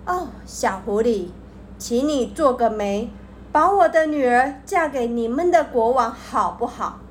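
A woman's voice: on the high side, expressive, measured pace, a little hiss or hum. A woman playing a greedy, eager old king in a children's story. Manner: eager, impressed.

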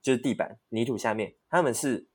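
A man co-hosting a podcast, telling a ghost story in a casual, animated way with frequent laughter. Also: mid-range voice, a little fast, husky. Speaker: podcast co-host.

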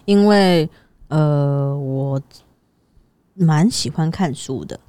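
A woman's voice: sits low, very slow, mellow, clean tone, no room sound. A woman with a Taiwanese Mandarin accent talks casually as a podcast host, repeating phrases for emphasis. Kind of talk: casual conversational interviewing.

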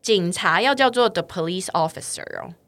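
A woman's voice: lowish voice, expressive, normal speed, fairly bright tone. A woman English teacher hosting a casual lesson, giggling often as she chats and drills pronunciation.

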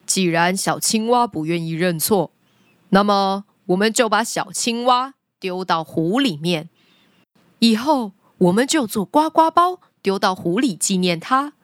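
A woman's voice: mid-range voice, dry recording, clean studio sound, voice pushed down, close to an everyday voice. A woman voicing a zebra uncle in a children's story, teasingly stern and mock-threatening. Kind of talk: children's story character acting.

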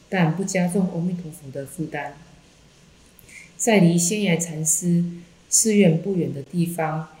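A woman Buddhist teacher calmly reading a Buddhist text aloud in a measured way, in an echoey room. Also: low-pitched.

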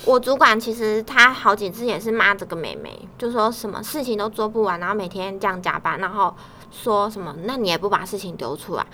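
A woman's voice: medium pitch, big pitch swings, brisk, pushed and bright, a little hiss or hum. A woman chatting casually about office life, animatedly acting out her coworkers' lines.

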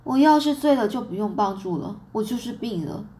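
A woman's voice: fairly high pitch, animated, brisk, dark tone, natural voice. A sheepish young farm boy, as a woman reader puts him on, in a voice close to her own. He pleads and defends himself. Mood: sheepish pleading.

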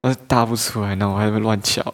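A young man talks to his listeners in a fairly low voice. He tells stories on himself in a loose, chatty monologue and often breaks into laughter. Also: fairly even intonation, racing. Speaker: podcast host. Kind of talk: casual storytelling monologue.

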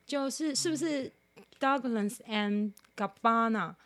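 A woman from Taiwan chatting casually as a podcast co-host, telling an animated story, mimicking other people's voices and laughing often. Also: a little high, takes it slowly. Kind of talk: casual chat.

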